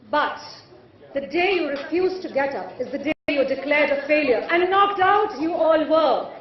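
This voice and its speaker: Very high-pitched woman orating in an echoing hall. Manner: theatrical, rhetorical, deliberate pauses and repetition. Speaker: conference keynote speaker. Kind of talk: formal podium speech to an audience. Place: large event hall. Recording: echoey hall, distant mic, muffled.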